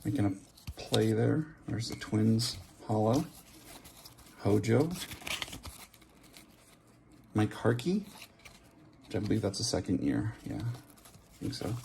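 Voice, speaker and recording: A low, gravelly man with a dark tone chats slowly in a sing-song way, leaving long pauses. He's the host of a trading card opening channel, giving offhand commentary as he opens packs, reading out names and musing aloud. Background hiss, handling clicks and card shuffling are audible.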